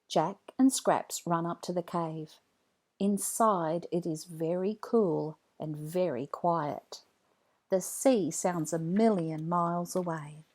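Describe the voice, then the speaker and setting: A woman reads a children's read-along story from a script, telling it expressively in a slow, lowish voice.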